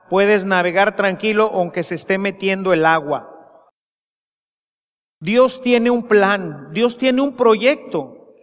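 A man with a Mexican accent preaching a sermon, slow and emphatic, rising into impassioned pleas. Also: sits high, fairly bright tone, big-room sound. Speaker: priest.

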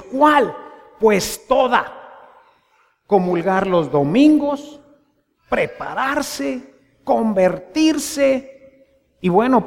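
A man with a Mexican accent, a parish priest giving a conversational sermon full of rhetorical questions. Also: sits high. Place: church. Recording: long church reverb.

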